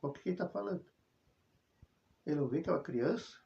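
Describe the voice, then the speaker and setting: A man with a Brazilian Portuguese accent giving an informal Bible study, telling the story with animated emphasis. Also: fairly high pitch, fast talker, creaky, highs cut off. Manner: animated storytelling, frequent "né", chuckles.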